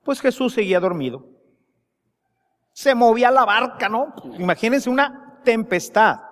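A man with a Mexican accent preaching a sermon, slow and emphatic, rising into impassioned pleas. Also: very high voice, expressive, a bit bright, long reverb tail. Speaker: priest.

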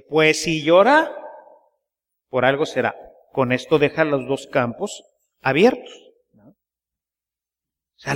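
Priest preaching in a casual, chatty way, high voice, lots of church reverb. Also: male voice. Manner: folksy storytelling, keeps asking the congregation to agree. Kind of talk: sermon.

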